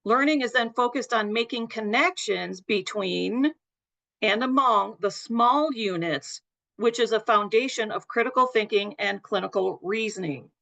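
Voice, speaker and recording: A woman nursing educator presenting a webinar lecture in a steady, explanatory way, her voice a bit worn and throat-clearing. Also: on the high side, measured pace. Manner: explanatory, steady, apologetic over glitches.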